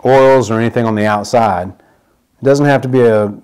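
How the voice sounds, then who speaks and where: A man's voice: medium pitch, fairly even intonation, moderate pace, a little mellow, clean tone. A middle-aged man with a mid-range voice walks through a repair at an indoor demo table. He explains each step plainly, with frequent "uh" and "um" fillers. It is a straightforward product demonstration.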